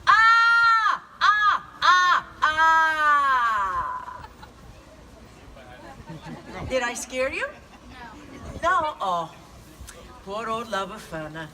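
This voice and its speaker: A woman's voice: a little high, sing-song, slow, pauses often, distant mic, crowd noise. A woman playing a kindly old Italian witch who brings gifts, with an Italian accent, telling a story to children and coaxing answers from them. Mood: playful coaxing. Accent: Italian (put on). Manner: theatrical, coaxing, asks the audience questions. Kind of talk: live in-character storytelling.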